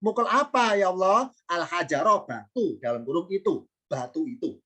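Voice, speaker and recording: A patient male teacher gives an online lesson on Quranic grammar. He reads each Arabic word slowly before translating it. He often poses questions and answers them himself, repeating key points. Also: high voice, expressive, sharp tone.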